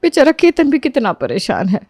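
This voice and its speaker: A woman's voice: high-pitched, wildly swooping pitch, moderate pace, a little mellow, slightly rough, no echo, clean studio sound, full character voice. A woman voicing a touchy, vindictive middle-aged aunt who complains and scolds in a cartoon story. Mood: weary, worried. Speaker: Bua ji, the visiting aunt.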